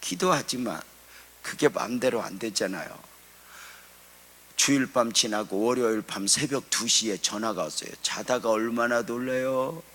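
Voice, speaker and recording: A middle-aged man preaching a sermon as pastor, moving between fervent raised emphasis and hushed storytelling. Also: medium pitch. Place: church sanctuary. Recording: long church reverb.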